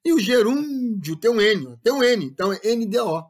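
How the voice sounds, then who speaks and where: High-voiced grammar teacher. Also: male voice, lively intonation, brisk. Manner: explains with frequent rhetorical check-ins and repetition. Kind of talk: classroom-style lecture.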